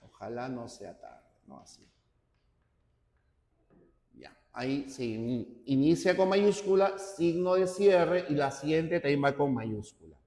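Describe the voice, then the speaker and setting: A man teaching a class, slow and deliberate, often checking in with his students. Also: on the high side, animated, mellow. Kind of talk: classroom lecture. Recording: roomy hall with long reverb.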